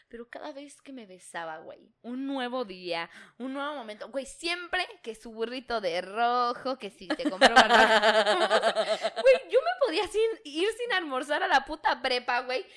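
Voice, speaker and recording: A woman's voice: on the high side, lively intonation, normal speed, a bit bright. A young Mexican woman telling crude, slangy stories on a casual chat show, laughing often and mimicking other people. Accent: Mexican Spanish.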